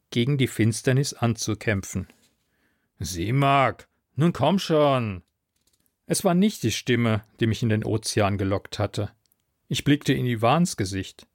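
Slow, measured male audiobook narrator. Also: medium pitch, a little mellow, no room sound, clean studio sound. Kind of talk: first-person audiobook narration.

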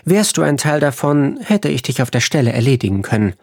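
A composed female ambassador, put on by a male reader, stays level and matter-of-fact whatever happens. The voice is husky and a little lifted in pitch. It sounds close and dry in an audiobook reading. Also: big pitch swings, a little fast, darkish tone, no room sound, heavily acted. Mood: calm.

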